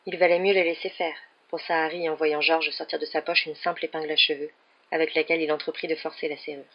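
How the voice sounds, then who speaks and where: A steady audiobook narrator reads a children's story with calm, measured pacing. The voice sits in a middle range. The recording sounds a little dull and lo-fi. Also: medium pitch. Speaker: audiobook reader. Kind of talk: scripted narration.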